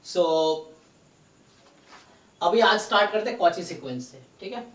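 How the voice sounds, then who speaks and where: A man's voice: sits high, expressive, a little slow, a bit bright. A man teaching a live online math class, explaining step by step and often checking in with his students. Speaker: statistics teacher. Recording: roomy echo, distant mic.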